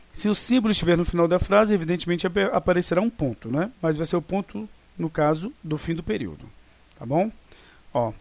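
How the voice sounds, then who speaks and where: A man teaching a class, with a fairly high voice for a man. He explains patiently and keeps checking that his students follow. The sound is close and dry. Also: darkish tone, dry recording. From Brazil. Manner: explains slowly with frequent check-in tags. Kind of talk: recorded online class.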